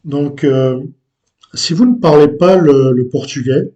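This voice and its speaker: Guy teaching a language lesson, slow and halting, dark mellow voice, kinda high for a man. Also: highs cut off. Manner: slow and deliberate, with frequent hesitations.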